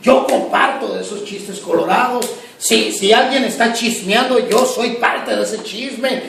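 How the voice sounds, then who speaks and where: A man preaches with fervor, swinging from loud rising appeals to hushed asides. His voice is high with a gravelly edge. The recording is distant and heavily echoey, with faint room ambience. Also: a little slow, a little hiss or hum. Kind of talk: sermon.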